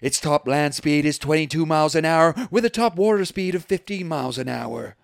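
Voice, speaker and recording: A man's voice: a little high, a little fast, gravelly, no room sound, studio quality. A man putting on a male boxing ring announcer, drawing out each line with hype. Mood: hyped.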